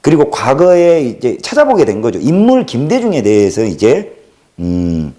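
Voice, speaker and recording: This casual livestream monologue comes from a host in his thirties with a Jeolla Korean accent, from the Jeolla region. At a normal speed, he jokes and rambles with constantly shifting pitch, his dark, mellow voice alternating between loud bursts and quiet mutters.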